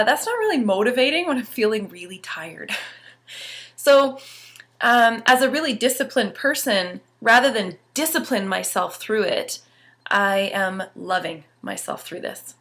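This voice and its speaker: A middle-aged woman giving an upbeat personal motivational talk to camera. She speaks emphatically, swinging between bright bursts and soft asides. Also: mid-range voice.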